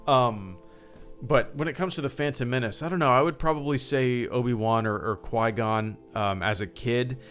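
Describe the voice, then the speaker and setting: Over faint music, a livestream host in his thirties chats loosely, reading viewer thank-yous aloud between fillers and false starts. His voice is medium in pitch and fairly bright, moving at a moderate pace.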